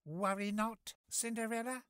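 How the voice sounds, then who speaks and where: Man voicing a doting fairy godmother, high-pitched, swooping sing-song, exclamatory, dry close sound. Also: big pitch swings, measured pace, fairly bright tone, no room sound, full character voice. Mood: brisk. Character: cheerful motherly old fairy, warm and fussy.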